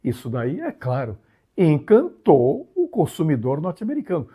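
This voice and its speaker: Husky and dark in tone yet fairly high-pitched, this Brazilian channel host talks at normal speed with huge pitch swings. He casually narrates a story, leaning on tag questions and emphatic shifts.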